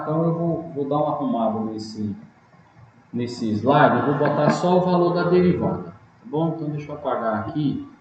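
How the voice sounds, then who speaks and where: A man teaching a math lesson step by step, patient and often checking in with his students. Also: fairly high pitch. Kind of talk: recorded online math lesson. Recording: echoey, dull, lightly noisy room audio.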